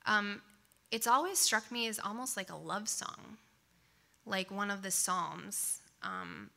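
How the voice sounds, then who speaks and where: A worship leader addresses her congregation before a song, speaking slowly at a medium pitch with vocal fry and a very animated manner. English isn't her first language, and she's chatty and informal, full of warm asides, "um"s and "right?" tags.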